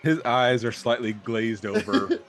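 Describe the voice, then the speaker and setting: A man's voice: medium pitch, measured pace. A man narrating an improvised tabletop role-playing game as game master.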